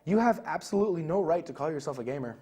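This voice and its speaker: A man's voice: a little high, animated, rapid-fire, mellow, slightly rough, muffled recording. A young man co-hosting a casual gaming talk show, rambling loosely with many fillers. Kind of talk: casual chat.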